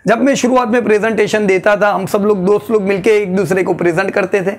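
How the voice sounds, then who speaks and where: A man teaching presentation skills in a lecture that mixes Hindi and English, animated and demonstrative, often checking in with "right?". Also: fast. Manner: animated, demonstrates delivery by shifting pitch and emphasis, frequent "right?".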